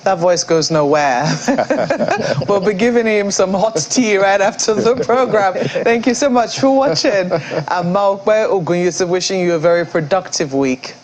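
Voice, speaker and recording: A Nigerian news co-host reads viewer comments on air in a brisk, formal way. Faint noise hums under the voice. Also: mid-range voice. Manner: brisk, formal newsreader reading.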